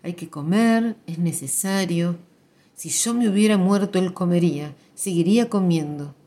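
A grieving middle-aged widow with a lilt, read by a woman narrator, flat and firm in her speech. Her voice sits low and dark, mellow rather than bright. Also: moderate pace, close to an everyday voice. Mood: numb firmness.

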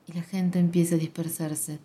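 Quiet, mellow woman narrator. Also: on the low side, flat delivery, normal speed. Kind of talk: literary reading.

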